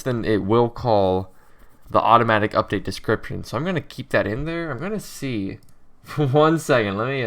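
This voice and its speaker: A young man, just up from a nap and still a little drowsy, talks his way through writing code. His voice sits fairly low, and he speaks in halting bits, often stopping to correct himself. Keyboard typing clicks away behind him at his desk mic. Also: fairly bright tone. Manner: thinks aloud, self-correcting, halting with many pauses. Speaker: game developer coding tutorial host. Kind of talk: casual screen-recorded coding commentary.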